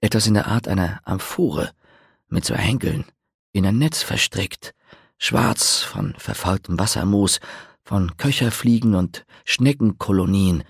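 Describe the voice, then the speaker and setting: A man narrating a fantasy audiobook in an expressive storytelling manner. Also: low voice, measured pace, gravelly, breathy edge, no room sound, clean studio sound.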